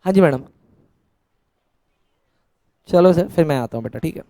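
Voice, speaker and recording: A man's voice: a little high, lively intonation, normal speed, dark tone, no room sound. A man teaching an accounts lesson in a classroom style, asking questions and answering them himself as if he were the students, with teasing, scolding banter. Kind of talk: classroom-style Hindi lecture.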